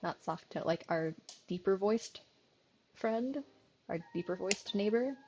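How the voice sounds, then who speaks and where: A woman's voice: medium pitch, a little mellow, muffled recording. A woman streaming a visual novel, chatting casually and giggling, with lots of fillers.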